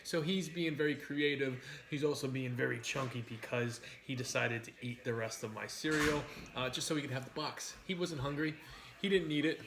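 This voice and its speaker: A man's voice: medium pitch, moderate pace, background noise. A man hosting a casual livestream over a meal, talking in a frank, sweary way. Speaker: livestream host.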